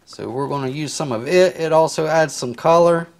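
A man giving a casual cooking tutorial in his home kitchen, chatting in a relaxed, rambling way as he chops and seasons, recorded on a lapel mic. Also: a little high, normal speed, creaky. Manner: relaxed, rambling step-by-step explanations with filler words. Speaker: home cook. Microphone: clip-on lapel mic.

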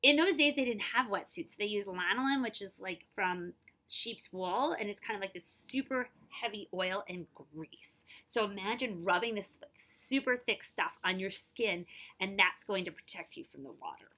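Reading a children's picture book with plenty of expression, a woman around forty draws out key words and tosses in explanatory asides. Her medium-pitched voice is bright and forceful at a moderate pace, captured by a device camera at about arm's length.

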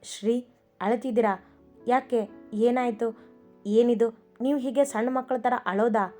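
A loving young wife fusses over her husband in a fairly high, mellow voice, read by a woman narrating the story. Her chiding is gentle, not sharp. Soft instrumental music plays faintly behind the storybook reading. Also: fairly even intonation, measured pace, close to an everyday voice. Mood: worried. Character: affectionate young wife, caring and gently scolding.

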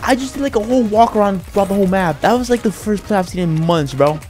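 A male gaming YouTuber giving excitable, slang-heavy live commentary while he plays. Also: high-pitched, fast talker, faint music behind. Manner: excitable, slangy, says "bro" constantly.

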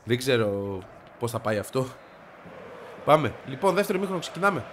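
A man with a stuffy, congested voice giving excited commentary as he plays a football video game, shouting and grumbling at the match. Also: mid-range voice, noisy background. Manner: shouts and yelps at the game, frustrated outbursts. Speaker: gaming video creator.

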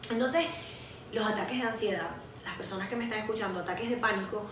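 Speaking fast in a medium-pitched voice, this young Venezuelan podcast co-host animatedly recounts something from her own life in casual conversation, poking fun at herself as she goes. The room echoes, the microphone is distant, and a faint hiss runs underneath.

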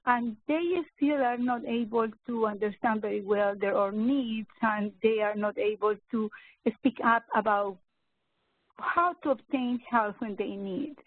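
A woman in her fifties, a neurologist giving an educational webinar talk, speaking slowly and hesitantly with many fillers and restarts. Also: a little high, no echo. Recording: narrow phone-like webinar audio, dry.

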